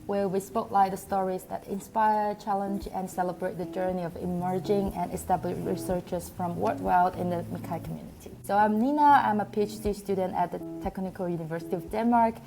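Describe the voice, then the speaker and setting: A PhD student in her twenties hosts a podcast, her mid-range voice brisk and creaky. She eagerly and enthusiastically introduces her guest and asks questions.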